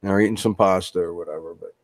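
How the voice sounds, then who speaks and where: A man's voice: low-pitched, steady tone, very fast, no room sound. Rambling male guest, dry close sound. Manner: rambling, loose, with many restarts and fillers. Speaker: guest author. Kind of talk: casual interview chat.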